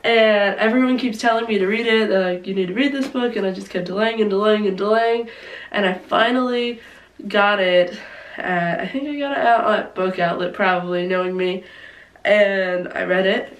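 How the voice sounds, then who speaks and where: A woman of twenty-one with a stuffy, congested voice from a cold, chatting casually and ramblingly to camera about things she likes. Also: mid-range voice. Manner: rambling, informal, self-interrupting, frequent "like". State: sick with a cold. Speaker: book vlogger presenting favorite reads. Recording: echoey room, distant microphone.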